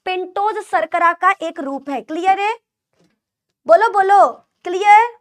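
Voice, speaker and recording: Young female biology tutor, UP-Bihar accent, very high voice, repetitive call-and-response lecturing. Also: a little slow. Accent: UP-Bihar Hindi. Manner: repetitive, call-and-response teaching with mnemonic jokes. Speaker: biology teacher. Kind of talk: online class lecture.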